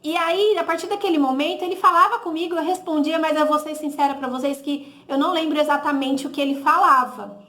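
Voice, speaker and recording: This woman's high, fairly bright voice stays steady and runs a little fast, with hardly any pauses, as she gives a personal testimony in a Brazilian Portuguese accent. She chats through remembered conversations ("he said, I said"), adding "né?" often and correcting herself. The room is echoey.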